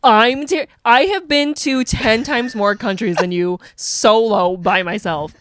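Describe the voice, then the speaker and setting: A woman's voice: fairly high pitch, slow, fairly bright tone, no room sound, studio quality. An American woman co-hosting a podcast, in casual chat full of teasing, laughing banter. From United States. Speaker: podcast co-host.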